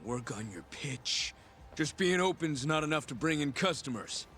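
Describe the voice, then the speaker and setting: An actor playing a menacing, hot-tempered yakuza thug in a video game, confrontational in manner. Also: male voice, on the high side, animated, moderate pace, fairly bright tone, slight background noise. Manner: aggressive, confrontational.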